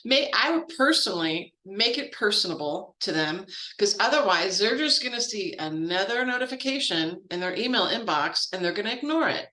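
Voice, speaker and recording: A woman's voice: mid-range voice, animated, moderate pace, hardly any pauses, pushed and bright, reverberant, low-quality recording. A woman giving a casual, chatty training walkthrough with informal asides. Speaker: grants trainer.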